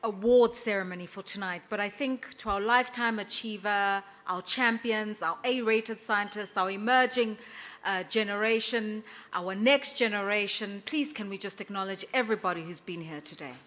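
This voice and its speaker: A woman emceeing an awards ceremony, introducing guests with emphatic, drawn-out phrasing. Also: medium pitch, fairly bright tone. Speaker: master of ceremonies. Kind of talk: formal event hosting.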